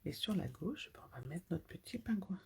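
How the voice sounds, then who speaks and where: A woman's voice: fairly low pitch, sing-song, fairly quick, gravelly, background noise. A woman from France chatting through a live card-making tutorial as she works with her hands, sometimes dropping to a near-whisper while she concentrates. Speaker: papercraft demonstrator.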